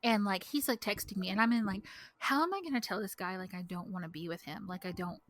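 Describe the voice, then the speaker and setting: A young woman, co-hosting a podcast and telling a story in casual chat, animated and full of "like", acting out what people said. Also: medium pitch, fast talker, no echo. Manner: animated, heavy use of "like", acts out quotes. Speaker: podcast co-host. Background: dog barking outside.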